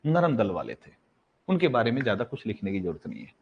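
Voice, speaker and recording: Here the male history teacher has a fairly low voice with vocal fry, and his pitch swoops wildly as he talks fairly quickly. His exam-prep lesson is casual: he calls students "bhai," raises a question, answers it on his own, and restates the key facts, all on slightly dull lo-fi audio.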